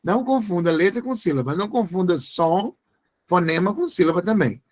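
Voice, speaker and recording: A man's voice: high voice, animated, a little fast. A man teaching an exam-prep grammar lesson, spelling words out letter by letter.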